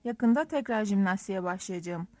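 A woman reading an audiobook, voicing a haughty, condescending society woman in a high, arch tone. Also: animated, moderate pace, mellow, dry recording, lightly acted.

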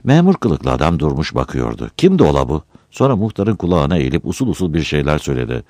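A man narrates a village story aloud in a low voice that rises and falls a great deal. He reads expressively, and the recording is very dry and close. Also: fast, dry recording. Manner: expressive, performs character voices.

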